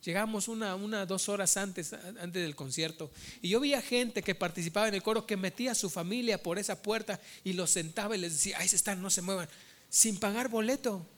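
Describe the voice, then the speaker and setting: Pastor guy preaching, high voice, keeps saying brothers. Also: fairly quick, few pauses, a bit bright. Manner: storytelling, addresses listeners as brothers. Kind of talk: sermon.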